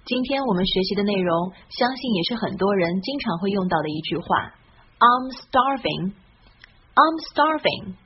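In a scripted English pronunciation lesson, a medium-pitched female host stays warm and encouraging while drawing model words out slowly. The audio has its highs cut off and a little hiss or hum.

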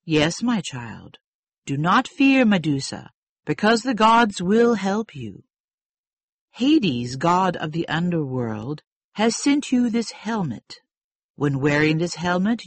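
Wise storybook goddess, stately and commanding, read by a man, dry and close, moving pitch. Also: no room sound, heavily acted. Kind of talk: storybook reading.

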